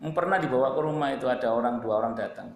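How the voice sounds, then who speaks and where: A man's voice: medium pitch, very fast, gravelly. A man with an East Javanese accent preaching a sermon in a conversational way, repeating phrases and addressing his listeners directly. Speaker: Islamic preacher. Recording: echoey hall with faint ambience.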